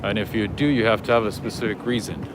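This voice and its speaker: A man's voice: fairly low pitch, steady tone, quick pace, noisy background. A man hosting a live walking tour outdoors on a city street, chatting casually and greeting viewers by name. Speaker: livestream host.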